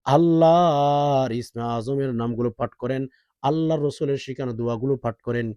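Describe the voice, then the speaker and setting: Male preacher, urgent rapid sermon, slow chanted prayers, warm low-lit voice, dry close sound. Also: no echo. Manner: fast urgent Bengali talk, slow drawn-out recitation. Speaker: Islamic preacher.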